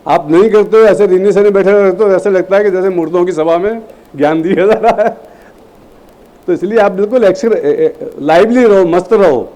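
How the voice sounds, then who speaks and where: A man with a high but mellow voice teaches a room of students, firing questions at them and nudging them to answer. He talks in a lively, prodding way and acts out how a sentence sounds. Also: low-quality recording. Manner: lively, prodding, demonstrates phrasing aloud. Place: classroom at a training camp.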